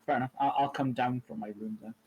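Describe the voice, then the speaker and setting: A player in a tabletop game, wry and deadpan. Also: medium pitch, quick pace, husky, highs cut off. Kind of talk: tabletop role-play in character.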